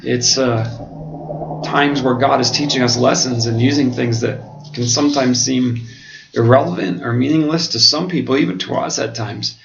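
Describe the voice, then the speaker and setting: An American man speaking earnestly and haltingly in a reflective monologue, his mouth swollen after oral surgery as if numb from the dentist. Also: mid-range voice, fairly bright tone. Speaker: pastor and seminary student. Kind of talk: reflective monologue to camera, answering questions. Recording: dull lo-fi home video, clearly noisy.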